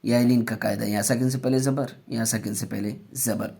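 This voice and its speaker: A man teaching Quran reading, spelling out letters and syllables slowly and explaining rules in quicker asides. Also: medium pitch, steady tone, creaky. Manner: slow drawn-out syllable drills, then fast quieter explanations.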